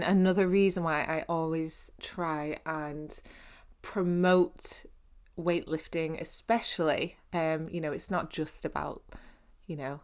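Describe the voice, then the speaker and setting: A woman speaks in a fairly low voice, as a fitness coach explaining things to her listeners. She talks in a relaxed, conversational way, encouraging and informal, often pausing on fillers and starting her sentences again. It is a podcast monologue with a chatty, down-to-earth feel. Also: smooth.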